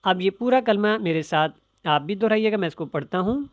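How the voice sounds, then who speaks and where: Man teaching Quran recitation, smooth voice. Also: sits high, animated, dry recording, studio quality. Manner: brisk explaining voice, breaking into slow chanted recitation.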